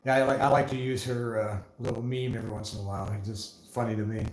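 A man with a northeast Ohio accent chats through his livestream in an easygoing, folksy way, joking as he reads out viewer comments. His voice sits at an ordinary middle pitch. The room around him gives a noticeable echo. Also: steady tone, fast talker, a little hiss or hum. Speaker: livestream host. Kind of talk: casual livestream chat.

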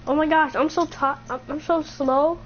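A woman's voice: high-pitched, fairly even intonation, a little hiss or hum. A woman hosting a gameplay video, teasing her friend in casual chat. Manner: teasing, playful, quick to laugh. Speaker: gaming video host. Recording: dull lo-fi game chat audio.

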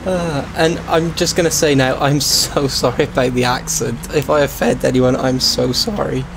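A man's voice: mid-range voice, fairly even intonation, normal speed, gravelly, background noise. A man streaming a roleplay game, chatting casually and laughing often. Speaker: streamer playing a roleplay server. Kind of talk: casual gaming chat.

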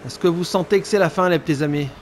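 A man's voice: on the high side, fast talker. A man giving casual, joking gameplay commentary as a let's player, talking to the character he controls. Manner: animated, joking, talks to the game character. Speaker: video game let's player. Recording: commentary over loud game noise. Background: game sound effects, sirens and vehicles.

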